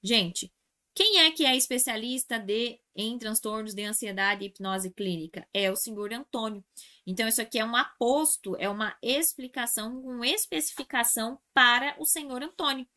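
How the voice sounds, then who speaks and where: A woman's voice: fairly high pitch, normal speed, pushed and bright. A Brazilian woman teacher going through an exam review lesson, explaining each point step by step, repeating key terms and calling her students "gente". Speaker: Portuguese language teacher.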